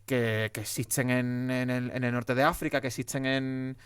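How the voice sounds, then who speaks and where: A man's voice: medium pitch, little pitch movement, moderate pace, smooth, dry recording. A man with an Andalusian accent from Andalusia, a guest comedian talking emphatically in a casual podcast conversation. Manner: emphatic and heated, many restarts.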